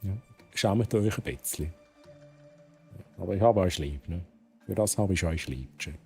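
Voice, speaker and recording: A man's voice: low voice, unhurried, gravelly, a little mellow, husky, faint music behind. A man with a Swiss German accent streaming a game, chatting casually with viewers, laughing often and reading the game's text aloud. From Switzerland. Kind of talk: casual gameplay commentary.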